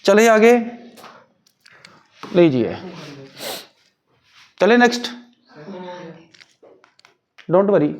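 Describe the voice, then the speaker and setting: A man's voice: high voice, big pitch swings, drawn-out words, pauses often, darkish tone. A male chemistry teacher, explaining step by step and asking and answering his own questions. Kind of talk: Hindi-English chemistry lecture.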